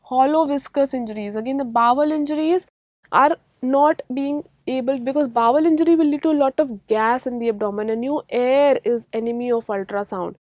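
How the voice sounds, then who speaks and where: A woman with an Indian accent and a high-pitched, darkish voice teaches a radiology exam-prep lecture at a brisk clip, with no room sound. She drives points home through emphatic repetition of key terms and frequent check-in questions to her students.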